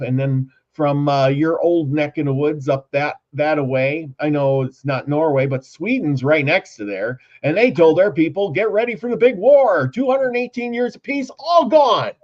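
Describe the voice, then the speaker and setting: A man's voice: mid-range voice, a little mellow. A man hosting a casual talk show, rambling with lots of fillers and restarts. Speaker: host. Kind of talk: casual podcast chat. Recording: dull lo-fi sound.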